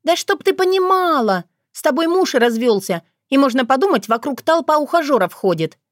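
A woman's voice: fairly high pitch, very animated, fairly quick, dry recording, clean studio sound, pitched above the performer's own voice. A woman voicing a spoiled, vain teenage girl in an audiobook, speaking in a petulant, indignant, whiny way. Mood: hurt. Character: spoiled, touchy teenage girl, vain and quick to take offense. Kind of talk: audiobook character voice.

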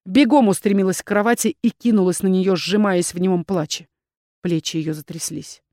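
A woman narrating a fantasy novel as an audiobook reader, in an even, measured way. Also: mid-range voice, no room sound, clean studio sound.

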